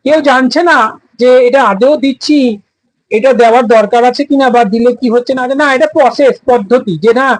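High-voiced bird breeder, emphatic. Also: male voice, fairly quick, no room sound, low-quality recording. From West Bengal, India. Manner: emphatic, repeats phrases, many restarts. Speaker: bird breeder and product maker. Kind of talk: casual storytelling monologue.

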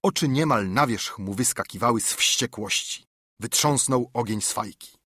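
A male audiobook reader tells the story at a measured, steady clip. His voice is mid-pitched and husky. He is recorded dry and close on a studio mic. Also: dry recording. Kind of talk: scripted narration.

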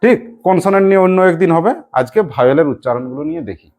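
A woman's voice: lowish voice, very fast, darkish tone. A woman teacher with a Purulia Bengali accent gives a classroom lesson, prompting her pupils to answer aloud in call-and-response.

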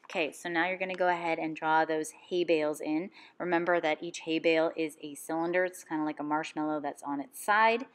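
A woman art teacher giving calm, step-by-step instructions in a drawing lesson voice-over. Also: deep voice, fairly quick, few pauses.

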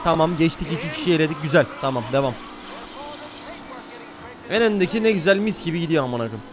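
A man with a high voice commentates his own gameplay live. He swears freely and addresses his viewers as he drives. A faint hum of car engines sits underneath. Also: quick pace. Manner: excitable, swears often, talks to chat. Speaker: streamer.

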